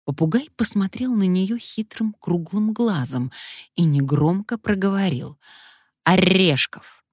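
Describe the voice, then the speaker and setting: A woman narrating an audiobook story in an even, measured way. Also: mid-range voice, breathy edge, no echo, clean studio sound.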